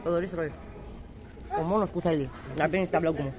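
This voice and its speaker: A woman's voice: low voice, a crowd in the background, background noise. Chatty woman in her late thirties vlogging. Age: late 30s. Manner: chatty, talks straight to viewers, teasing asides. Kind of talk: casual family vlog. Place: home and outdoor tavern at night.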